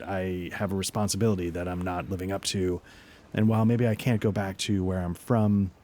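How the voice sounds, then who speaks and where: A man playing a tabletop game, casually describing his character in a hesitant, halting way. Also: fairly low pitch, darkish tone.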